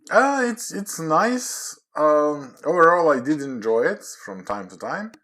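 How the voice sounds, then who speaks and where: A man in his forties from Croatia talks with a lively, swinging pitch and a bright, forceful tone. He chats as a podcast guest in halting English, with plenty of ums and restarts. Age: 40s. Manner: halting, non-native English with many fillers. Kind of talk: casual chat.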